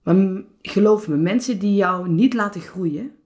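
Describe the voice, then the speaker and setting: A woman hosting a solo podcast as a personal coach, speaking calmly and reflectively with some hesitations. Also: mid-range voice, unhurried.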